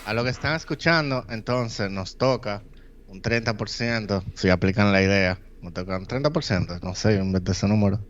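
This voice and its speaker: A man's voice: on the low side, normal speed, highs cut off. A man, co-hosting a podcast, explaining at length and mixing in English phrases. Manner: rambling explanations with English phrases and many "eh" fillers. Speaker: podcast co-host. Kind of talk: casual chat.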